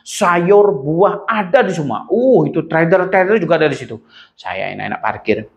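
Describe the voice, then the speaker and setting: A man giving a lively religious lecture, telling stories and acting out angry voices. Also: a little high, normal speed, dull audio. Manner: animated storytelling, acts out angry voices. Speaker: preacher.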